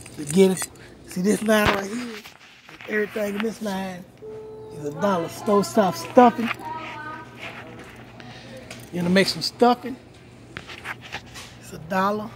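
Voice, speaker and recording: With long pauses and no hurry, a middle-aged vlogger in a high voice shows viewers around a large indoor store aisle, pointing out price after price. He records casually on a phone held at arm's length, and the store's ambient noise is loud.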